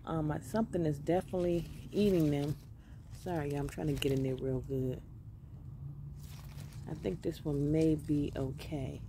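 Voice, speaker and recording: A woman's voice: low voice, steady tone, noisy background. Chatty woman touring her garden outdoors. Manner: upbeat and grateful, chatty with many pauses and fillers. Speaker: home gardener giving a garden tour. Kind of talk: casual walk-through narration. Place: outdoor container garden on gravel. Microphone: phone camera held close while filming plants.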